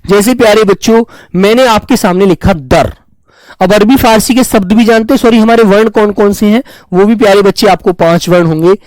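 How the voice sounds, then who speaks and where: High-voiced grammar teacher, dry sound. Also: male voice, a little fast, darkish tone, no echo, rough recording. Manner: addresses students fondly as children, repeats terms; reads and answers viewer comments. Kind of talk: online class lecture.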